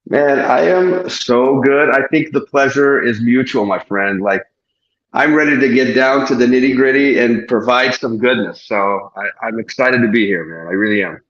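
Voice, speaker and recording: A Portuguese man appears as a therapist guest in an enthusiastic podcast interview, effusive and expansive, often correcting himself and restarting. His voice is mid-range and a bit bright, at a moderate pace. The recording is lo-fi, in an echoey room.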